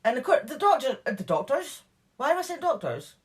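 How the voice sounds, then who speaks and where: A woman with a high voice and big swings in pitch talks a little fast. Co-hosting a true crime podcast, she chats through the case notes casually, full of fillers and asides.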